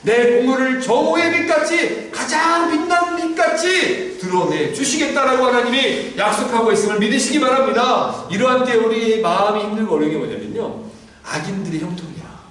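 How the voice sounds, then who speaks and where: A man pastor preaching a sermon to his congregation, animated, often calling out to them and acting out heartfelt prayers. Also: very high voice, brisk. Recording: echoey room from far off, faint noise.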